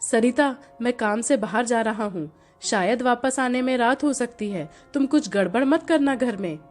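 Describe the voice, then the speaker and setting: A woman's voice: a little high, moderate pace, darkish tone, soft background music, pitched below the performer's own voice, close to an everyday voice. A woman voicing an impatient young husband who scolds his wife, in a storybook narration. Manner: stern, scolding.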